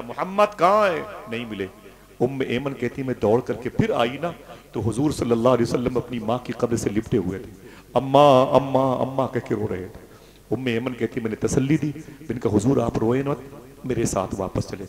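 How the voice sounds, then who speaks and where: An Islamic speaker with a medium-pitched voice delivers an emotional, story-driven sermon, shifting from loud declaiming to hushed, grieving tones.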